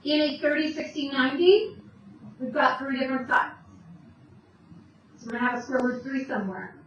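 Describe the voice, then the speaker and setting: A woman's voice: sits high, fairly even intonation, normal speed, a bit bright. A woman teaching a math lesson, explaining step by step and answering her own questions. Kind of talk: recorded classroom math lesson. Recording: distant, dull, echoey room with faint noise.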